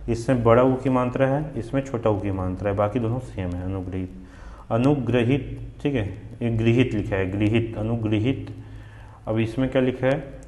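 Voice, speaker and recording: A Hindi teacher from Chhattisgarh with a regional accent drills exam spellings, asking questions and answering them himself. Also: male voice, fairly low pitch, normal speed, mellow, roomy sound. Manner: repetitive drilling, asks then answers himself. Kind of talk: spelling lesson for exam students.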